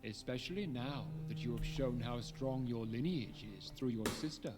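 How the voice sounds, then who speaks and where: An actor voicing a haughty aristocratic vampire lord in a video game, with a ceremonious, commanding manner. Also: male voice, medium pitch, moderate pace, lightly acted. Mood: smug, assured. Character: haughty aristocratic male vampire lord, chairman of gentlemen's club. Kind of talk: dramatic video game acting. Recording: music behind the voice.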